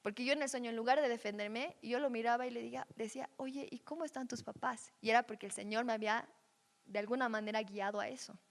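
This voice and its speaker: A woman's voice: fairly high pitch, fairly even intonation, fast talker, in a large hall. A woman giving a teaching session on dreams. She speaks conversationally and often checks in with her listeners. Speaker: Bible teacher.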